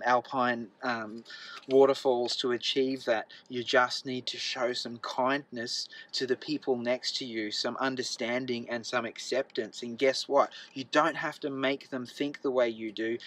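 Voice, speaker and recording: A man giving a public talk in a chatty, anecdotal way, with frequent ums and uhs, growing excited as he goes. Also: medium pitch, rough recording. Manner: gets excited as he talks.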